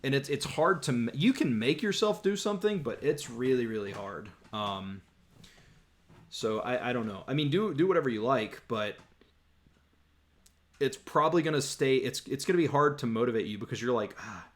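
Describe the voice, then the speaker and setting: Hosting a casual YouTube livestream, a young man reads chat questions and answers them, rambling and restarting often. His voice is mid-range with lively intonation at a normal speed.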